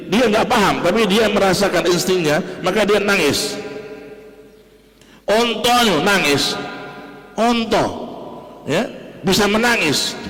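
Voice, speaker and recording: A man with a Javanese accent giving a morning sermon in a large mosque, talking in an animated way, repeating key words and addressing the listeners directly. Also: high voice. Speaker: preacher. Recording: echoey mosque hall with long reverb.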